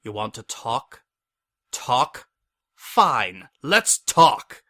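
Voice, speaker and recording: A man's voice: fairly low pitch, measured pace, sharp tone, no room sound. A man voicing an ancient imprisoned monster, bitter and vengeful, in a hammy, theatrical dramatic story reading. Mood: furious, scornful. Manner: hammy, theatrical stage-actor delivery.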